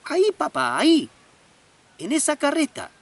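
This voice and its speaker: Man playing a bright, excited five-year-old boy, high and bouncy, always asking. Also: measured pace, creaky, breathy edge, distant mic, exaggerated voice. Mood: eager. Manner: eager, insistent questioning.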